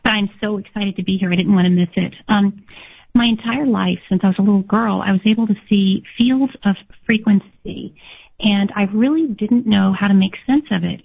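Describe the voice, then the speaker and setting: A woman whose first language is German earnestly recounts her life story as an interview guest, often restarting her sentences. Her mid-range voice is hoarse today, and the line sounds tinny and phone-like.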